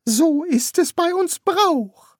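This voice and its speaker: A man voicing an ancient, pompous high priest who fawns over his master in an audiobook. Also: animated, slow pace, no echo, clean studio sound, exaggerated voice. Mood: fawning. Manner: pompous, fawning.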